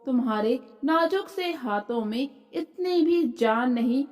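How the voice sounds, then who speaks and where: A woman voicing a scheming, quick-tempered young village woman who scolds and shouts. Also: sits high, animated. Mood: angry.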